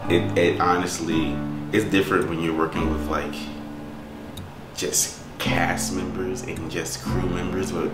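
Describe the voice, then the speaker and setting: Deep voiced guy chatting about making his movie, lots of uh and like, echoey, music loud behind. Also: a little slow. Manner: relaxed, reflective, loose with fillers. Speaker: filmmaker describing his film. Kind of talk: casual behind-the-scenes narration. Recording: roomy sound under loud music.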